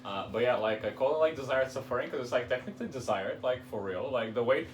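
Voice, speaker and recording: Fast, rambling man from Bulgaria. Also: mid-range voice, expressive, reverberant, slight background noise. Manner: rambling, fast, lots of fillers. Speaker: guest. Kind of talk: casual chat.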